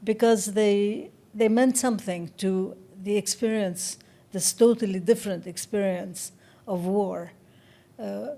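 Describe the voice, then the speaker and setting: A woman of around seventy, from Egypt, speaking as an interview guest in a measured, thoughtful way and often pausing to find her words. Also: medium pitch, vocal fry, darkish tone. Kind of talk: reflective interview talk.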